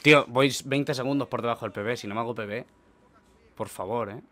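A young man with a Spain Spanish accent, streaming a speedrun and talking to chat in nervous, swearing chatter, with bursts of frantic yelling. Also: mid-range voice, brisk, background noise. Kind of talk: live speedrun commentary. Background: game music.

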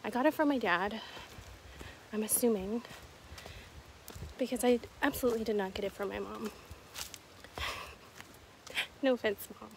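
A woman's voice: fairly high pitch, normal speed, long pauses, background noise. A woman in her thirties chatting casually to a phone camera while hiking alone on a forest trail, with a self-deprecating manner. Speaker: vlogger. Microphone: phone at arm's length. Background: background music.

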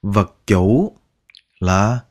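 A man teaching English pronunciation, repeating each word slowly and drawing out its sounds, patient and coaxing. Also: fairly low pitch, expressive. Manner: patient, coaxing, ends phrases with soft particles. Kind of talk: slow pronunciation lesson.

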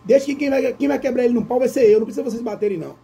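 A stern middle-aged mother scolds sharply in a raised, gravelly voice, as a man puts her on. The tone is dark and heavy. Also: very high-pitched, racing, voice pushed up, full character voice. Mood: scolding.

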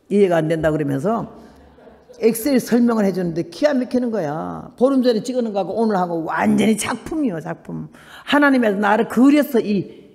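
An older woman missionary giving a church testimony, telling her story with animated acted-out dialogue in a high voice. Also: gravelly. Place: church hall. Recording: echoey hall reverb.

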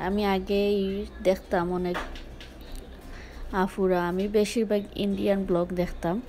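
A woman's voice: mid-range voice, flat delivery, measured pace, a little mellow. A young woman from Sylhet with a Sylheti Bengali accent, talking frankly to her viewers in a casual vlog, mixing in English words. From Sylhet, Bangladesh. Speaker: vlogger. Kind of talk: casual talk to camera.

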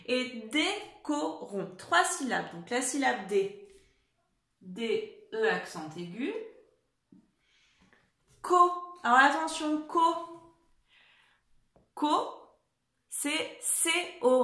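A woman's voice: fairly high pitch, a bit bright, reverberant. A woman teacher giving a dictation lesson to young children, patiently spelling out words letter by letter. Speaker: primary school teacher.

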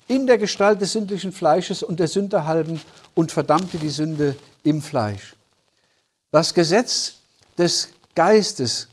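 A man with a somewhat raised, husky voice teaches scripture in a sermon. He speaks earnestly and explains step by step, pausing to check in with his listeners. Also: on the high side, darkish tone. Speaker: Bible teacher. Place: conference hall.

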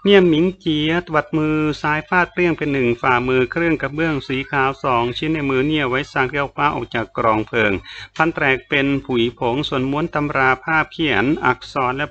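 Male audiobook narrator, steady storytelling, slightly high, dull lo-fi sound. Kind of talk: scripted narration.

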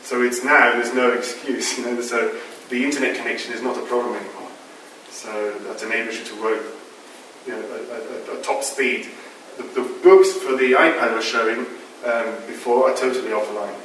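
In a big lecture hall, a middle-aged man explains at normal speed during an informal conference talk with audience questions, using many fillers. His medium-pitched voice is fairly bright with fairly even intonation. Not speaking into a microphone, he's captured by a far room mic, so the sound is echoey and distant with slight background noise.

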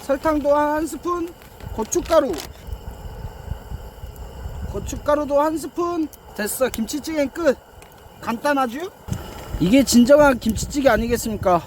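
A man's voice: very high voice, darkish tone, a little hiss or hum. A man chatting casually as he narrates his own cooking and eating vlog. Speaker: mukbang vlogger.

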